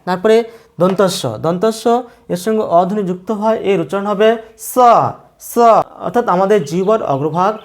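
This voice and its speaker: A teacher giving a slow, methodical pronunciation lesson, saying each sound several times. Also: medium pitch, a little mellow.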